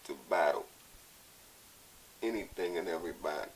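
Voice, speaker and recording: An American man giving a blunt, profane, impassioned monologue, sounding drunk and rambling, with halting repeats and a gravelly voice. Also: sits low. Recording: hissy, noisy amateur recording.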